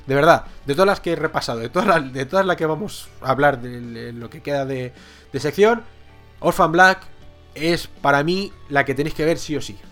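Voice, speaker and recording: A man talks casually as a podcast co-host, his voice sitting a little high. He piles up words like "very, very, very" in his eagerness and restarts often. Soft music plays faintly underneath. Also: fairly quick. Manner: enthusiastic, repeats words for emphasis, many restarts. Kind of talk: casual chat reviewing series.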